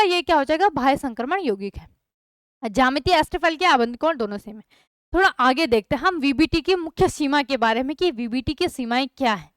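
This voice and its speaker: A woman's voice: high-pitched, a bit bright, no room sound. A young woman teaching a chemistry lesson online, often asking her students questions and checking that they follow along. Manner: repeats questions to students, frequent checks like "thik hai". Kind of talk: online class lecture.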